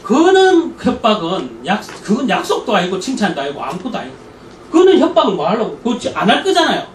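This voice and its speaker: A man giving a church parenting lecture, telling anecdotes in an animated way and acting out the people he quotes. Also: high-pitched, brisk. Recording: echoey room, distant mic, faint noise.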